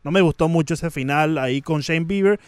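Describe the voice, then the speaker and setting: Male panelist, high voice, playful and joking, dry studio sound. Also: fairly quick, clean tone, no echo. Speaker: sports panelist. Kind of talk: studio sports talk.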